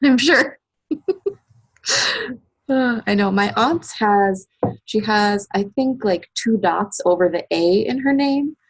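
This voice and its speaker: A woman's voice: a little high, rough recording. A woman hosting an online webinar, chatting casually with attendees as they join and greeting them by name. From United States. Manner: friendly, chatty, reads out chat names. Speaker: webinar host. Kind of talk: casual chat before a webinar.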